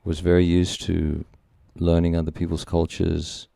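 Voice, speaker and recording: A man's voice: low voice, completely flat delivery, a little slow, vocal fry, warm tone, no room sound, studio quality. A man in his sixties from Singapore, a company founder chatting as a podcast guest, joking and rambling with many restarts. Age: 60s. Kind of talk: casual interview chat.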